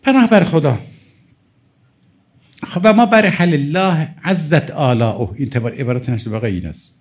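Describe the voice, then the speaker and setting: A middle-aged male cleric delivers a religious sermon, quoting and explaining Arabic texts in an emphatic, pleading way. His voice runs on the high side and sounds animated.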